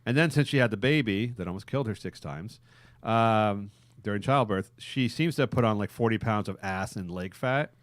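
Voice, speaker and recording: A man's voice: lowish voice, normal speed, no echo. A man hosting a podcast, rambling crudely with frequent laughter. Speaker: podcast host. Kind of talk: casual crude podcast banter.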